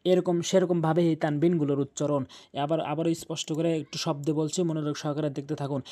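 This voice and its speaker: Dark-voiced man patiently teaching Quran recitation. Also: a little high, little pitch movement. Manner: patient, repeats each rule and spells letters out slowly; drawls the recited Arabic words. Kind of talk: tajweed lesson over a screen drawing.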